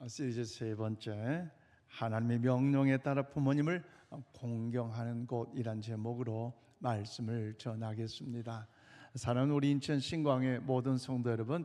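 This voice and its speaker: A man's voice: medium pitch, mellow. A man preaching a Sunday sermon in a church sanctuary, earnestly and emphatically addressing the congregation. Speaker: pastor. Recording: long reverb of a church hall.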